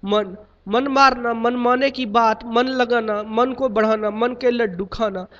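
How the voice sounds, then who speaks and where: A man reading out a long list of idioms in a steady, list-like cadence, like a lesson. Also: extremely high pitch, unhurried. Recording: dull lo-fi recording.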